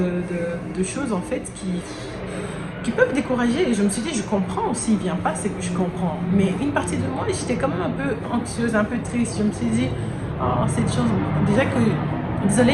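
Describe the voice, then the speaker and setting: A woman vlogging to camera in casual talk, earnest and halting with many restarts, filmed without an external mic. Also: medium pitch. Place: indoors near an airport, daytime. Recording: roomy echo, faint background noise. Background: planes and sirens passing.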